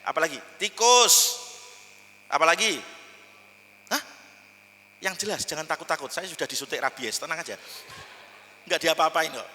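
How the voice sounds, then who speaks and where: A man's voice: a little high, normal speed, long pauses. A man teaching a storytelling workshop, playful and demonstrative with his class. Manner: lively, demonstrative, playful with the audience. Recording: long hall reverb.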